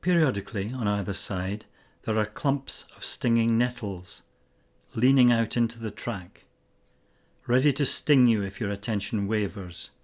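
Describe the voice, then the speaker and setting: A man with a fairly low voice narrates a scripted guided meditation, speaking in a measured, instructional manner and pausing between phrases.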